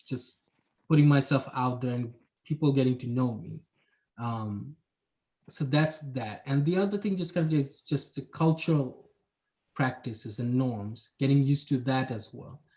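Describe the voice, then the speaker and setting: A guest in a casual interview, a young adult urban planner from Bangladesh talks about his work in a mid-range, slightly mellow voice. His speech is reflective and hedging, with many fillers.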